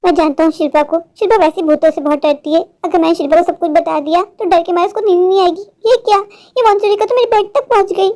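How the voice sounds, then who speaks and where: A frightened cartoon office worker, a husband, voiced by a woman with a very high, light voice. He sounds anxious and pleading, then snaps irritably at home. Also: steady tone, fast, warm tone. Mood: irritable. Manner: anxious, pleading, irritable toward his wife.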